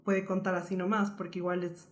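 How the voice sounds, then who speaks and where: A young woman from Colombia earnestly telling a painful personal story as a podcast co-host, in a lively, flowing way. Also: fairly low pitch, a little fast.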